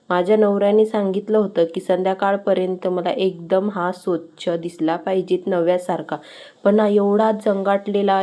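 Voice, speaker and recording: A woman's voice: mid-range voice, dark tone. A woman chatting dramatically to viewers while showing how to clean a dirty fan. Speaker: home tips vlogger. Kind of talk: casual home cleaning demonstration.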